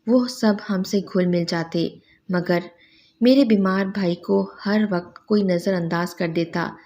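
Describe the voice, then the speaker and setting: A woman reading a sad story aloud in a soft, even, sorrowful narration. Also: mid-range voice.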